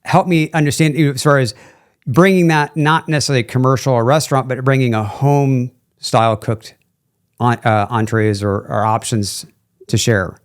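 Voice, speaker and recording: A man's voice: mid-range voice, steady tone, moderate pace, clear, resonant tone. Friendly rambling male podcast host. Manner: friendly, rambling, with many fillers. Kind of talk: casual podcast interview.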